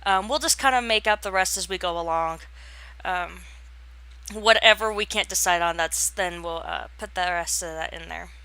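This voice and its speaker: A young woman talks through her game build in a loose, rambling way, stopping and restarting her sentences often. Her voice is bright and forward, and the recording is dry with no room sound. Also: lowish voice, moderate pace, dry recording. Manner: rambling, hesitant, lots of fillers and restarts; yawns and laughs while talking. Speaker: gaming channel host. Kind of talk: casual voice-over commentary on a home build.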